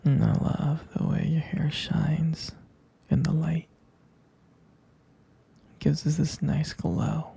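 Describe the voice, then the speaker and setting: This is intimate boyfriend roleplay ASMR from a man whispering breathily and huskily, with soft pauses between tender, adoring murmurs. His pitch is fairly high and his tone stays level.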